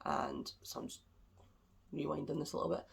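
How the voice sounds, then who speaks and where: This craft podcast host has a low, slightly rough voice with vocal fry, a sing-song lilt and a brisk pace. Chatting casually from home, she rambles a little, her voice congested and somewhat nasal from a cold.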